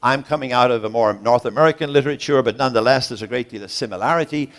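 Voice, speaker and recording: A man, a guest professor and speaker, gives an interactive lecture to a gathered audience in a preacherly, rhythmic style, putting questions to the room. He uses slow, dramatic pauses and sudden rises, and his medium-pitched voice is a bit bright.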